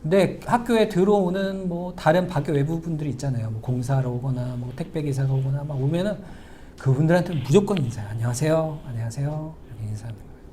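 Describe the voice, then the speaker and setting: Korean male pastor preaching warmly. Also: fairly high pitch, fast talker, a little hiss or hum. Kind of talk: sermon. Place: church sanctuary.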